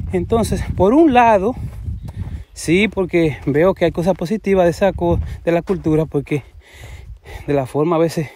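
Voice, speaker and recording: A man's voice: fairly high pitch, warm tone, dry recording. A man from the Dominican Republic with a Cibao accent, giving unscripted religious commentary to camera and rambling from one point to another with frequent restarts. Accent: Dominican, Cibao region.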